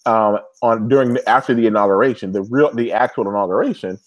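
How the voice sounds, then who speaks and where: A man co-hosting a casual TV recap podcast, animated and excitable, breaking into loud cheering. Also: fairly low pitch, fast. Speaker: podcast co-host.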